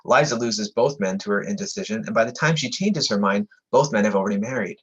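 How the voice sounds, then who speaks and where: Low-voiced man lecturing, slightly muffled audio. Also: fast talker, a bit bright, breathy edge. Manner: reads prepared text with frequent stumbles and self-corrections; talking over passing sirens. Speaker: lecturer presenting a book on historic buildings. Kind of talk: slide-illustrated history lecture. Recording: slightly dull, muffled audio with passing sirens.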